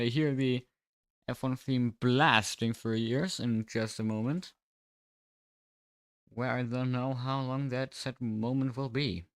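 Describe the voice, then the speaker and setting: A man speaking with braces that make his S sounds slightly off, chatting casually and commentating on a livestream in a low-key, dryly sarcastic way. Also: no room sound. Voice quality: slightly slurred, odd S sounds from new braces. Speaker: livestreamer and sim racing commentator.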